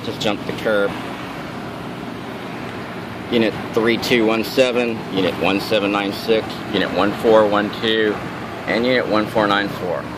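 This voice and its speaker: On a noisy city street at night, a sardonic man films police and keeps up running commentary, recorded on a handheld camera mic with traffic around. His voice is lowish and fairly even, a little slow, with frequent pauses.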